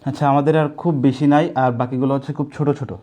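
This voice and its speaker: A man's voice: medium pitch, flat delivery, rapid-fire, mellow. A young man teaching an online coaching class, explaining step by step and asking his students questions, with casual asides.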